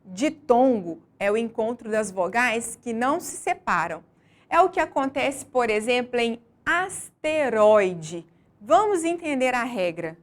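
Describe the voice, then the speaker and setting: A woman with a slightly high voice narrates a scripted lesson. She speaks slowly and deliberately and leans hard on each stressed syllable. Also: lively intonation. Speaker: teacher.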